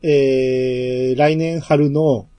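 A man's voice: mid-range voice, fairly even intonation, extremely slow, mellow, no echo. A man with a Kansai accent co-hosting a casual podcast, teasing his partner and reading out listener messages. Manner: teasing, laughs often, reads listener messages. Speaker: podcast co-host. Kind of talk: casual chat.

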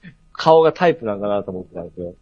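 A man co-hosting a casual podcast, soft-spoken and a little apologetic, often agreeing with his partner. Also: lowish voice, very animated, racing, no echo, muffled recording. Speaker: podcast co-host. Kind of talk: casual chat.

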